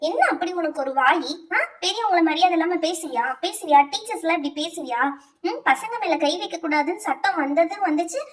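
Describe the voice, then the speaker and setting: Woman doing a very high-voiced strict teacher. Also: animated, a little fast, recorded from a distance. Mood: angry. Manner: stern, nagging, lecturing. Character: strict scolding female schoolteacher. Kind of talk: doll-play voice acting.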